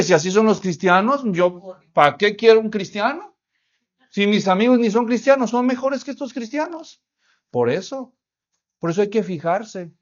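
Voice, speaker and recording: A man's voice: high-pitched, dull audio. A man preaching a sermon as pastor, asking the congregation rhetorical questions and acting out little stories.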